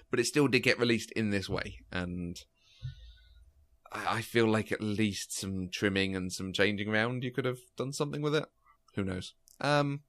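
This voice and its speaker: A man co-hosting a podcast, chatting casually and telling stories with lots of fillers and restarts. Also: medium pitch. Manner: chatty, animated storytelling with frequent fillers and restarts. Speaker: podcast co-host. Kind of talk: casual chat.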